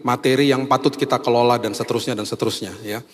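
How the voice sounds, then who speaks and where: A man pastor preaching a sermon with a hoarse voice, stressing key phrases slowly and emphatically. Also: medium pitch, fairly even intonation. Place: church hall. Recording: long hall reverb.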